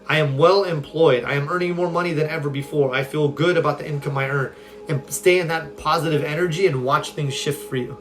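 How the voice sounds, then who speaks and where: Upbeat man, slightly high voice. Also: fairly even intonation, fairly quick, a bit bright, faint music behind. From California. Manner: upbeat, conversational, reads viewer comments aloud. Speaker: self-help coach. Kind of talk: casual live-stream Q&A. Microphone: phone.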